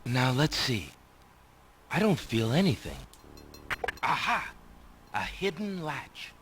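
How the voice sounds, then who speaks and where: A man's voice: medium pitch, big pitch swings, takes it slowly, noisy background. A man playing an earnest, polite young heroic prince in a video game, speaking in a courteous, theatrical way. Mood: bold, excited. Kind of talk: video game hero acting. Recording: game audio under music.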